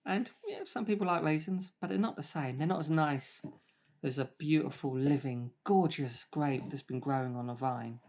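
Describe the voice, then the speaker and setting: A man giving a lively children's church talk, playful and chatty, eating grapes as he speaks. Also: on the high side, moderate pace. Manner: lively, playful, eats grapes while talking. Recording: dull lo-fi recording.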